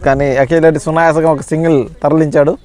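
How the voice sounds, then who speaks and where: A man giving live amateur cricket commentary in an excitable manner, repeating stock phrases of praise. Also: fairly high pitch, rapid-fire.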